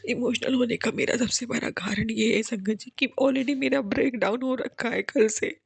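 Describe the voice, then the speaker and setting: A woman's voice: fairly high pitch, fairly even intonation, moderate pace, gravelly, breathy edge, dry recording. A woman giving an earnest, tearful devotional testimony, pleading and repeatedly addressing the congregation.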